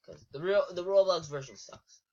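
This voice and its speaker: A woman's voice: on the low side, normal speed, darkish tone. A woman co-hosting a casual gaming video, speaking hesitantly with many fillers. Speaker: co-host. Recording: muffled lo-fi recording.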